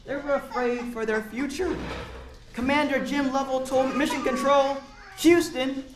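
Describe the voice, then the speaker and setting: Over a noisy background, a man with a very high voice reads a picture book to children at a measured pace and in a steady tone. He encourages the group and chats in asides to explain words and ask questions, and the spacious room gives the audio an echo.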